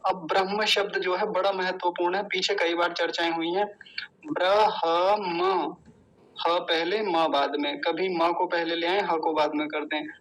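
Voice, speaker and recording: A man teaching the correct pronunciation of a Sanskrit mantra, repeating each word slowly and chanting the full verse. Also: high-pitched, a bit bright, rough recording. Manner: slow, deliberate syllable-by-syllable drilling. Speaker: Vedic recitation teacher.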